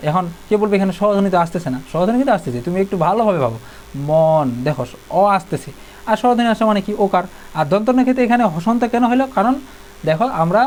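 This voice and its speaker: A young man tutors students in a very rapid, tumbling delivery, his voice sitting a little high for a man. He explains step by step, often restarting and repeating himself in a casual, colloquial tone. A faint hiss runs underneath the recording. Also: a little mellow. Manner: addresses students informally, colloquial. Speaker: teacher. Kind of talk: exam-prep video lesson.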